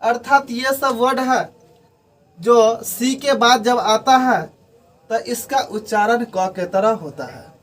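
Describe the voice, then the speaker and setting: Slow, high-voiced man teaching at a board. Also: a bit bright, far from the mic. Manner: slow, explanatory, spelling out letters one by one. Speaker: English pronunciation teacher. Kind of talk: classroom lesson at a board. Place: room with a board.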